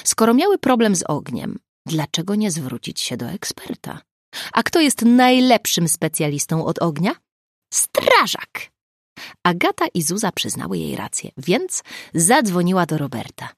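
A woman narrates an audiobook, telling the story expressively in a lowish voice at normal speed. The recording is studio quality with no room sound.

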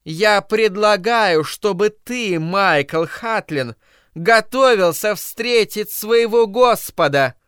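A man voicing a fanatical old woman who preaches doom in a slow, drawn-out, shrill way. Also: animated, fairly bright tone, smooth, no echo, clean studio sound, full character voice. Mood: preaching.

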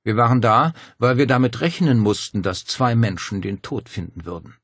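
A man reads a composed female police commissioner from an audiobook. She talks in a measured, explaining way, lifted above the reader's low register, with a slightly husky, dry sound. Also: a bit bright, no room sound. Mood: earnest. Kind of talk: audiobook character voice.

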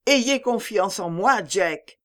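A woman's voice: mid-range voice, expressive, slow pace, a bit bright. A woman reading an audiobook, voicing a pale, frightened young wife who pleads urgently with her husband. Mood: pleading.

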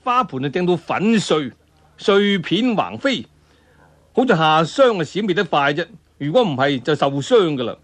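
With big swings in his fairly high voice, a Cantonese-accented man narrates a martial-arts story at normal speed. He uses a traditional storytelling style that's colloquial and dramatic, punctuated by vocal sound effects and interjections.

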